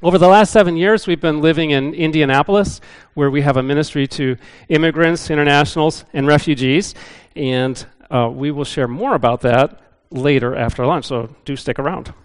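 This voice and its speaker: A man's voice: fairly high pitch, moderate pace, hardly any pauses, smooth. Chatty middle-aged man addressing a church. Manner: chatty and self-deprecating, with frequent "uh" fillers. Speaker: visiting missionary speaker. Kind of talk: casual church talk to a congregation. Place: church building.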